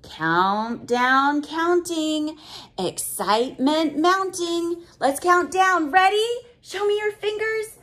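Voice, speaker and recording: A woman with a very high-pitched voice reads a picture book aloud to children. She is expressive and exclamatory, with audible gasps of wonder, and she pauses to explain things simply and ask the young listeners questions.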